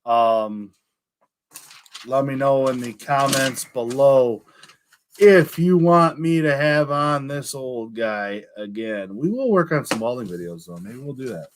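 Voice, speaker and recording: A man hosting a casual live stream who is losing his voice. He reads viewer comments aloud and pauses often with ums. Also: medium pitch, animated.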